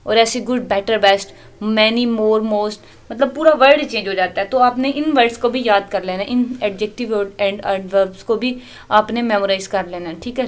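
A woman lecturer explains English grammar in Urdu, her voice sitting a little high. She slows right down to read each English example aloud and often stops to correct herself. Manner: corrects herself mid-sentence. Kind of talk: recorded lecture.

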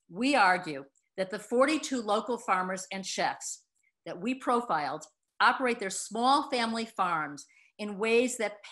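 An older woman who co-authored a cookbook gives an earnest talk over a laptop video call from a wood-paneled room in her home. Her mid-range voice is a bit bright, and she uses frequent fillers.

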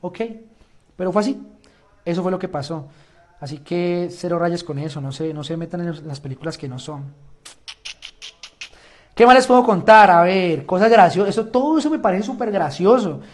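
Animated young man, high voice. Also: normal speed, pauses often. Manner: animated storytelling with quoted dialogue. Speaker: reality show contestant. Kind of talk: casual explanation to camera.

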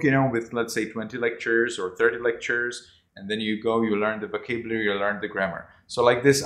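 A man with a mid-range voice talks to children during a casual online class, rambling, repeating himself, and saying "you know" a lot. He's on a laptop mic, and the video call audio sounds echoey.

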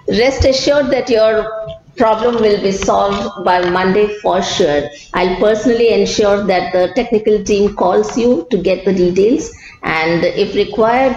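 A woman with an Indian accent playing a calm, reassuring customer service executive, speaking in a polite, formal customer service voice. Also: medium pitch, creaky, close to an everyday voice. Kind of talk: customer service role-play. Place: small office with bare walls. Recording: echoey room, dull sound, faint noise.

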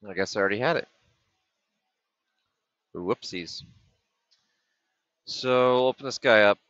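A man's voice: fairly low pitch, unhurried, fairly bright tone, dry recording. A middle-aged man casually walking through a chip datasheet and circuit board, thinking aloud with frequent ums and restarts. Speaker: maker explaining a project. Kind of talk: casual screen-share walkthrough. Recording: dull, dry lo-fi webcam audio.

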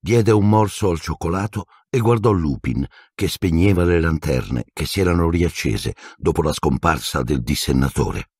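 A man narrating an audiobook in an expressive, dramatic storytelling manner. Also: low voice, moderate pace, hardly any pauses, breathy edge, dry recording, studio quality. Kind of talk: scripted narration.

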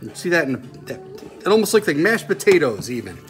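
A man's voice: a little high, big pitch swings, brisk, music in the background. Man demonstrating home cooking. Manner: folksy, step-by-step explaining while stirring. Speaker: home cooking show host. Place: home kitchen indoors.

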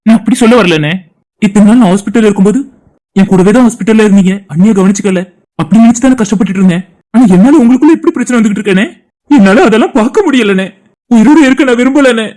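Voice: mid-range voice, rapid-fire, dark tone, natural voice. Someone voicing a guilt-ridden grieving young man. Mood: despairing. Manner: sorrowful, apologetic. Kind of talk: cartoon drama voice acting.

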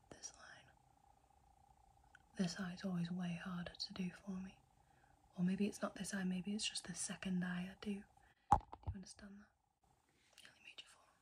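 A young woman whispering a chatty ASMR makeup tutorial, rambling and often correcting herself. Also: mid-range voice. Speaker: ASMR creator.

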